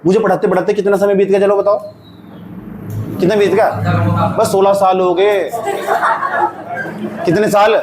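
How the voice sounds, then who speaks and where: A high-voiced Indian man teaches physics to a class and keeps quizzing his students in a lively, teasing way. His voice rings around an echoey classroom, with a faint murmur of ambience underneath. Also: a little slow, pauses often, a crowd in the background, noisy background. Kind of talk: classroom lecture.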